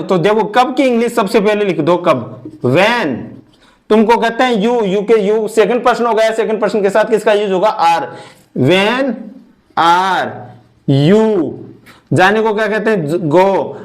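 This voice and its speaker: Guy teaching english grammar, high voice, talks real slow and says everything twice. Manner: slow, repeats each step, mixes English into Hindi. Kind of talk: online grammar lesson.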